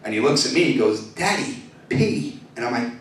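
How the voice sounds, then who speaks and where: A man's voice: medium pitch, very fast. Male stand-up comic, brash and profane, echoey club, distant mic, audience laughing. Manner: brash, profane, crowd-working. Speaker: stand-up comedian. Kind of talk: stand-up comedy set.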